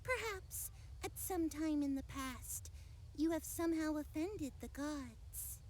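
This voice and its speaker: High-voiced child oracle, grand goddess voice. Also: female voice, animated, slow pace, a little mellow, slight background noise, poor audio. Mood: mystical, theatrical. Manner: grand goddess-like oracle speech, archaic and theatrical. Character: young girl fortune teller putting on a lofty oracle act. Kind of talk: video game voice acting. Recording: music playing behind the voice.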